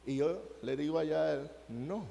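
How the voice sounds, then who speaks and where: A man preaching a sermon, moving between quiet passages and loud, emphatic cries. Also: a little high, animated, unhurried, big-room sound.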